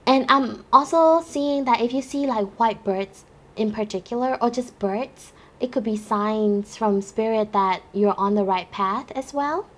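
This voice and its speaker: A woman's voice: fairly high pitch, a little slow. A bubbly young woman giving a chatty pick-a-card tarot reading, laughing often. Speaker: tarot reader.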